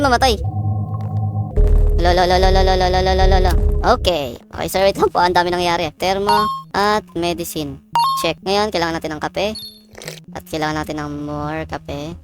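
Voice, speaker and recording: A woman giving chatty, excitable gameplay commentary, repeating words quickly when things get hectic. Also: lowish voice. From Philippines. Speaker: gaming YouTuber. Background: background music.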